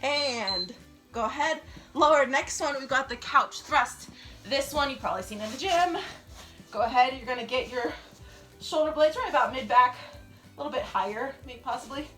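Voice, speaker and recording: High-voiced young woman, aerobics instructor at home. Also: animated, normal speed, fairly bright tone, reverberant, soft background music. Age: young adult. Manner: encouraging, counting and cueing while exercising. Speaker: fitness instructor, channel host. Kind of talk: aerobics instructor leading a home workout, cueing moves. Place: home living room. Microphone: camera on the floor a few feet away.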